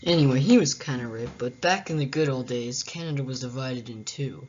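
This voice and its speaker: Casual history video host, mid-pitched voice, dry little joking asides, kinda muffled lo-fi mic. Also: brisk, a little mellow, slight background noise. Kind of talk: casual narrated history explainer. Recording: dull, muffled lo-fi recording.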